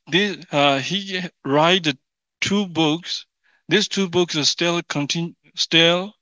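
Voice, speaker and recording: A man with a Burmese accent presenting an academic paper in English, halting and often repeating and rephrasing his words. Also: a little high, pushed and bright. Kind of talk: formal paper presentation in non-native English. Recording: dull, echoey room sound.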